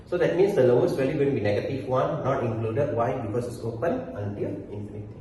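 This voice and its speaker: A man's voice: medium pitch, quick pace, dark tone, a little hiss or hum. A man teaching math step by step, asking himself "why?" and filling with "okay" as he works through the problem. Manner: explains step by step, asks and answers his own "why?", fillers of "okay". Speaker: math lecturer. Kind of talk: whiteboard math tutorial. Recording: very echoey hall, mic far off, faint ambience.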